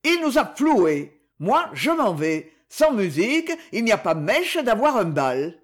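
A reader voicing Alphonse, an angry young man who shouts his protests in a storybook reading. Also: mid-range voice, big pitch swings, a little slow. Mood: indignant. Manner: shouting, indignant. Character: angry young man caught stealing, brawling.

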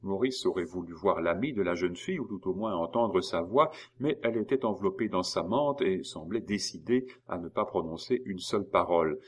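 A man narrating a classic novel as an audiobook, in a measured storytelling manner. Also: low voice, animated.

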